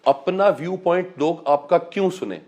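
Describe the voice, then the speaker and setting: Animated man coaching public speaking. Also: fairly high pitch, moderate pace. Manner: animated, mixes Urdu and English, addresses listeners as sir. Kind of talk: motivational talk to a class.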